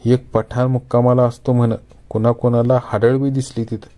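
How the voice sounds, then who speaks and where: A man's voice: medium pitch, flat delivery, normal speed, warm tone, lightly acted. A man voicing a timid young village man in a story, speaking with a panicky stammer. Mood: fearful.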